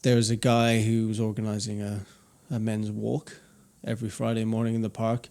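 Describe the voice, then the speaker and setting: With a fairly low, darkish, monotone voice and some vocal fry, a young podcast co-host talks at a moderate pace. His chat is casual and reflective, rambling along with frequent restarts.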